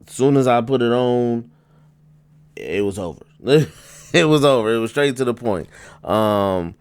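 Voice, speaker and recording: A low-voiced man talks through an album review in a loose, rambling way, full of fillers and restarts. He leaps sharply up in pitch when he stresses a point. The recording is dry and close. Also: clear, resonant tone, dry recording. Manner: rambling, many fillers and restarts, sudden high-pitched emphasis. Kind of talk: casual spoken review.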